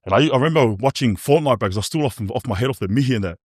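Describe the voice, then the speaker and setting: A man's voice: mid-range voice, expressive, very fast, dry recording, clean studio sound. A man, giving a candid, slangy personal testimony in a casual podcast chat, often saying bro and man. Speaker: podcast guest.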